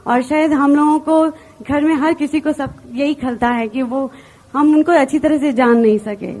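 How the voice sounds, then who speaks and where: High-voiced woman giving a motivational talk. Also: steady tone, moderate pace, darkish tone. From India. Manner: earnest personal storytelling, mixing in English words. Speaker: business seminar speaker.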